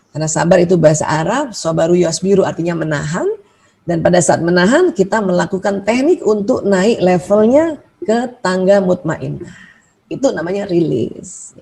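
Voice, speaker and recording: A woman's voice: mid-range voice, warm tone. A woman giving a religious self-help lecture, explaining step by step and asking questions she answers herself, with a frequent "ya". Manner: asks her audience questions and answers them herself; tags sentences with a frequent "ya". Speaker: religious study speaker.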